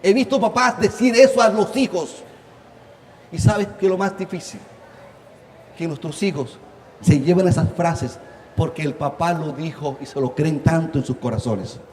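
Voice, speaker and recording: A man's voice: on the high side, normal speed, darkish tone. A man giving a motivational talk to parents, earnest and speaking straight to his audience. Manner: earnest, addresses audience directly, acts out quoted voices. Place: conference venue. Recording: roomy hall with faint noise.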